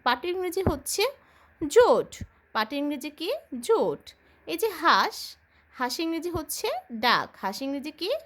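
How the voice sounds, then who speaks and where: Bangladeshi woman teacher, high animated voice, slow patient spelling drills for kids. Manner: asks and answers own questions. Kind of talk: children's English lesson.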